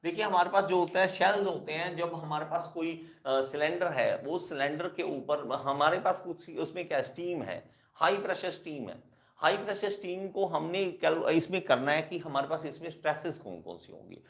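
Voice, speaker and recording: A man's voice: fairly high pitch, animated, normal speed, creaky, fairly bright tone, roomy sound. A male engineering teacher giving a classroom lecture, repeating key terms and calling his students kids. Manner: repetitive, addresses students as kids.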